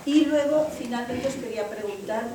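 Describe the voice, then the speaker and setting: A woman's voice: a little high, brisk, recorded from a distance, crowd noise. Woman Alcañiz, echoey hall. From Alcañiz, Aragón. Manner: anecdotal, animated, with frequent hesitations. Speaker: audience member. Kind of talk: spontaneous contribution in a seminar discussion. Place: seminar room. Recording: echoey hall, voice picked up from afar.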